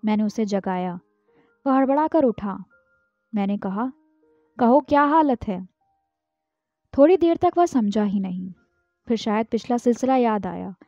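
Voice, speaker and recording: A woman who narrates a short story in a measured, even reading, recorded dull, dry and lo-fi. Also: mid-range voice, no room sound. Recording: dull, dry, lo-fi with faint music. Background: faint background music.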